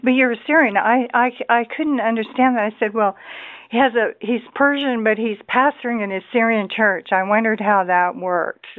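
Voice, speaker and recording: Woman host, mid-pitched, inquisitive, questions tumbling out, dry and tinny phone-like sound. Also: normal speed, dry recording. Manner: curious, asks many follow-up questions. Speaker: radio show host. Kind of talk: radio interview. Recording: dry, phone-like narrow band.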